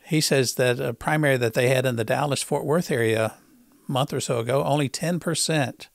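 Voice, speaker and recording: A male talk show host, interviewing in a halting way, repeating words and filling pauses with uh. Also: mid-range voice, vocal fry, no room sound, studio quality. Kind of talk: conversational political interview.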